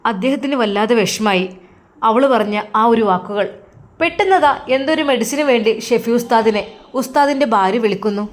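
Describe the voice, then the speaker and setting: A woman's voice: on the high side, animated, moderate pace. A woman narrating a dramatic story in an emotive, earnest way.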